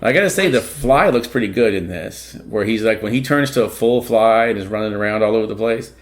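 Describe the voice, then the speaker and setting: A man with a somewhat low voice talks through a movie's plot in a loose, easygoing way. He hosts a horror podcast and chats casually with his co-hosts. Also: fast talker. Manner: rambling, relaxed plot recaps. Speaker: podcast host. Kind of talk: casual film-discussion chat.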